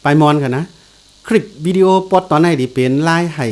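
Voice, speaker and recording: A man giving a casual guitar lesson, explaining slowly and repeating note names as he plays. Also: a little high, darkish tone. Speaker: guitar teacher. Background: guitar played along.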